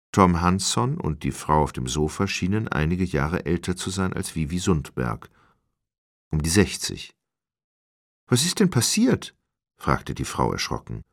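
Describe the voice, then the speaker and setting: A man narrating an audiobook of a crime novel in a steady, grave manner, recorded close on a studio mic. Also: rumbling low, dry recording. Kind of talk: audiobook reading.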